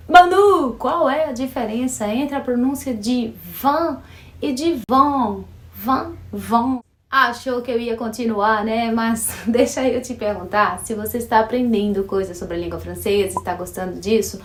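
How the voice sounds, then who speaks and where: A Brazilian woman with a fairly high voice gives a casual French lesson, speaking in a chatty way. She slows down and says words again and again so learners can copy them. The sound carries a clear echo from the room. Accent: Brazilian Portuguese. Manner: chatty, repeats words slowly to model pronunciation. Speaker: French teacher.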